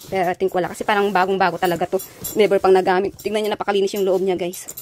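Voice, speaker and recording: A young adult woman from the Ilocos region of the Philippines with an Ilocano accent, chatting casually in a vlog and filling pauses with "ayan" and "guys". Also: medium pitch, little pitch movement, a little mellow. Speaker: vlogger. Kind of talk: casual vlog showing found items. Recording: noisy background.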